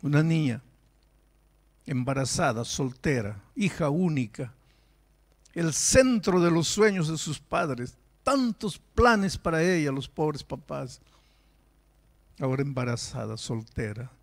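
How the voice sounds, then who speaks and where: A male pastor telling a story in a sermon, emotional, with sudden raised emphasis and slowed phrases. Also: fairly high pitch, expressive.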